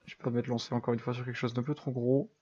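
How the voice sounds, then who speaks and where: A man's voice: medium pitch, level tone, racing, mellow, breathy edge, dull audio. A young man giving casual, self-deprecating commentary over a building game, thinking aloud with lots of fillers. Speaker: gaming YouTuber.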